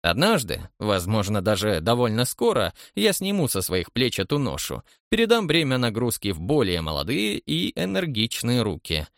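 A man's voice: medium pitch, wildly swooping pitch, moderate pace, creaky, hardly any pauses, fairly bright tone, no room sound, studio quality, exaggerated voice. A man voicing a pompous elderly director of a large agency who speaks in lofty, grandiloquent phrases. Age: older. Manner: grandiloquent, then pleading and flustered.

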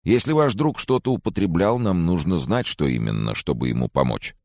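A man's voice: low voice, lively intonation, brisk, gravelly, a little mellow, dry recording, voice pushed up. A man doing a weary, skeptical doctor. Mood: dry. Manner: dry, matter-of-fact, slightly mocking. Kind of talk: audiobook character voice.

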